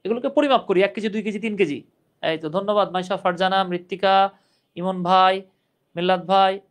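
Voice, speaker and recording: A man's voice: high voice, a little fast. A young man teaching English grammar in a live online class, patiently explaining rules and reading out viewers' comments.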